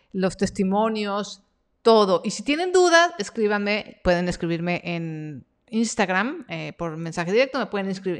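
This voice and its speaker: Chatty woman hosting a live stream. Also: medium pitch. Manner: chatty, reads viewer comments aloud. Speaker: freelance workshop host.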